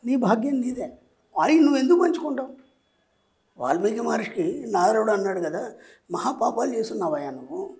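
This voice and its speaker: A man's voice: extremely high pitch, animated, brisk, long pauses, warm tone. Man explaining, keeps asking "understood?". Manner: keeps checking understanding with rhetorical questions. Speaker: spiritual teacher guest. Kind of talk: explanatory advice talk.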